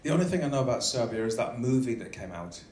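A man hosts live stage introductions as a ship's captain, joking drily and teasing as he goes. His voice sits at a medium pitch and echoes around a theatre, with clear noise on the recording. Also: animated, fast, darkish tone. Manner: teasing, dry humour. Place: theatre stage on a cruise ship. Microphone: handheld PA mic, filmed from the seats. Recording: echoey theatre, noisy phone recording from audience.

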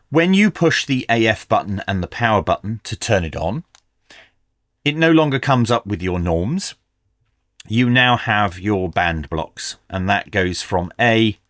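A middle-aged radio reviewer and presenter gives a methodical, instructional product review. His voice is on the low side and a bit bright, captured in a dry, clean studio recording.

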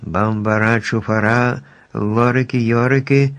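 A man's voice: medium pitch, fairly even intonation, a little slow, fairly bright tone. Eager brave little girl calling out to her friends, storybook heroine, as a guy reading aloud does her. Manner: eager, exclaiming.

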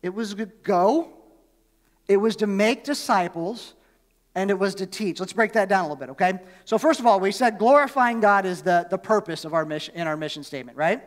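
A man preaching from the pulpit, his voice pitched high for a man. He speaks in a casual, chatty way and keeps asking the congregation questions. The recording has the long, ringing reverb of a large church hall. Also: expressive, a little fast. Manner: conversational, asks the congregation questions. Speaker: pastor. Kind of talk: sermon.

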